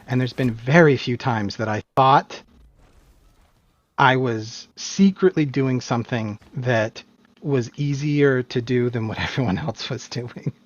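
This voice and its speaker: Emphatic man, dull lo-fi sound. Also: medium pitch. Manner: animated, emphatic opinions with frequent restarts. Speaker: guest, competitive game player. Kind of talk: casual interview answers.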